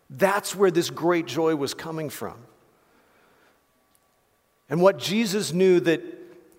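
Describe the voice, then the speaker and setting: A man preaching a sermon as pastor, passionate and conversational, with quick restarts and casual asides. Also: fairly high pitch. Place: church hall. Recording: reverberant hall.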